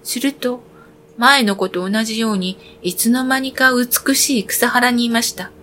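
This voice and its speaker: A woman reading a fairy tale aloud for children, with clear, expressive storytelling. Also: fairly high pitch, a little slow, slight background noise.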